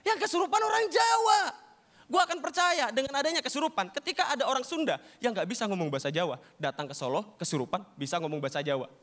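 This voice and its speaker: A young man doing a stand-up comedy set, telling stories in an animated, slangy way and acting out characters. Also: high-pitched, quick pace, few pauses. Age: young adult.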